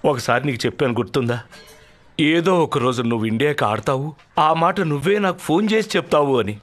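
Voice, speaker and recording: A man's voice: fast talker, faint music behind, lightly acted. A man playing a proud, devoted village father. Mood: tender, proud. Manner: emotional, proud and rousing, with lively swings in pitch. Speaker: father of a cricketer. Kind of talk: dubbed film dialogue.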